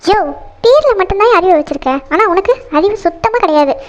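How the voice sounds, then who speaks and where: A young woman voicing a fiery cartoon bride-to-be who scolds with sharp, quick retorts. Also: extremely high pitch, animated. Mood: scolding. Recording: dull lo-fi sound.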